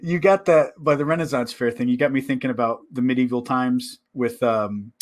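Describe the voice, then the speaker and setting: A man's voice: mid-range voice, steady tone, normal speed. A man co-hosting a casual podcast chat, loose and jokey, laughing often. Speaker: podcast co-host.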